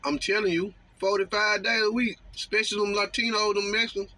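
A man talking casually from his parked truck cab, drawling and mocking with slow, emphatic phrases, recorded on a phone on the dashboard. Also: high-pitched, flat delivery, sharp tone, no room sound. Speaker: truck driver vlogger. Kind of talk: casual monologue.

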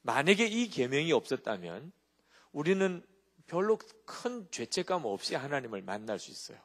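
A man with a fairly high voice preaches a sermon as a pastor, speaking at a moderate pace. He tells stories with animation and keeps checking in with the congregation through rhetorical questions.

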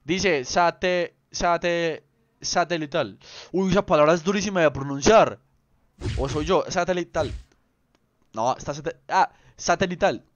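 A man's voice: on the high side, measured pace, a little hiss or hum. A young man chatting casually with viewers on a game livestream, playful and rambling, full of slang. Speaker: streamer. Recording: slightly dull lo-fi stream audio.

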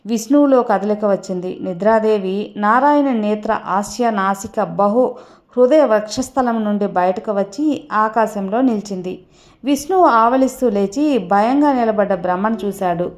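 A woman storyteller narrating a devotional mythological tale in a slow, deliberate way. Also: medium pitch, a little mellow.

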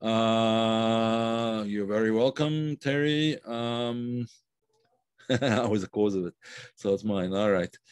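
Guy teaching an online class, lowish voice, lots of ums and restarts, dry close sound. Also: smooth, no echo. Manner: unhurried, thinking aloud with many fillers and restarts; warm praise for viewers' comments. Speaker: Kabbalah teacher. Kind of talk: live-streamed class reading viewer comments.

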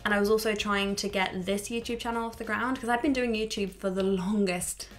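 A YouTuber in her twenties talks a little fast in a mid-range voice with fairly even intonation during a casual chat to camera. She's open and swears freely, sounding mildly stuffy from a cold. She's in a small room at home.

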